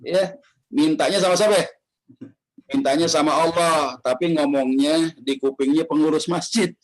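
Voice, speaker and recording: A man's voice: a little high, moderate pace, low-quality recording. A man giving a casual, joking religious talk, acting out the voices he quotes. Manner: joking, acts out quoted voices, laughs often. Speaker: preacher. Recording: online study session.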